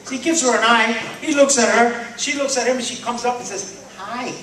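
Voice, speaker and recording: Male stand-up from Puerto Rico, high voice, rambling delivery, heard from afar in an echoey club. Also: steady tone, fast, a bit bright. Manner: rambling storyteller, hesitant restarts. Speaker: stand-up comedian. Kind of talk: live stand-up joke telling. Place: comedy club stage. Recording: echoey club from far, faint noise.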